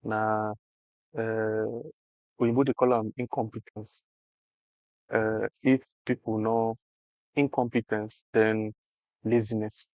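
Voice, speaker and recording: A man's voice: fairly low pitch, level tone, takes it slowly, pauses often, darkish tone, no echo, dull audio. A Nigerian man explaining things conversationally in Nigerian Pidgin, emphatic and repeating phrases for effect. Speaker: interview guest explaining health insurance.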